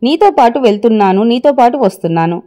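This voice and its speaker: A stubborn young working wife argues back with indignant force, as a woman narrator reads her part. The voice is mellow and fairly high. It comes across as a spoken audio story. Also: expressive, a little fast, close to an everyday voice.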